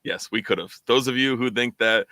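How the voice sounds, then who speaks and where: A man's voice: medium pitch, brisk, crowd noise. A man co-hosting a fan podcast, chatting casually and rambling with lots of fillers and repeated words. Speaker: podcast co-host.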